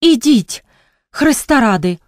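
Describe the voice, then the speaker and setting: A woman's voice: high voice, animated, slow pace, a little mellow, no room sound, voice pushed up. A woman voicing a frightened young servant girl who pleads breathlessly, close to tears, in an audiobook reading. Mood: panicked pleading. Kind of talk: audiobook character voice.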